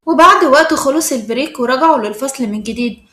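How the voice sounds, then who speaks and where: A woman with an Egyptian accent narrating a storybook tale in a brisk, dramatic way. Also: high voice, fairly bright tone, echoey room. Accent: Egyptian Arabic.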